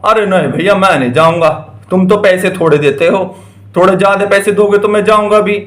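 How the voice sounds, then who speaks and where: A man's voice: high voice, fairly quick, a bit bright, reverberant. A man voicing a tractor driver in a toy doll story who haggles over the fare. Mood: haggling. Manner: haggling, bargaining.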